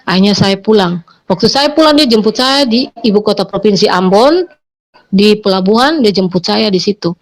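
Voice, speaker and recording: A woman's voice: mid-range voice, animated, normal speed. A middle-aged woman retelling a personal testimony, hesitant, with many fillers and self-corrections. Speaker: interviewee giving a testimony. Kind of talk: personal testimony retold in conversation.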